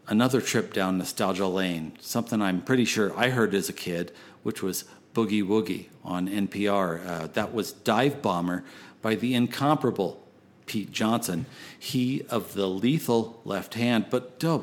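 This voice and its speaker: A man working as a late-night radio DJ, rambling between songs in a folksy, theatrical and profane way. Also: lowish voice.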